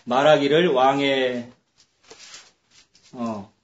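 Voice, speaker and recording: A man's voice: mid-range voice, fairly even intonation, very slow, reverberant, dull audio. A male pastor preaches a sermon in a conversational way, acting out the voices of biblical figures.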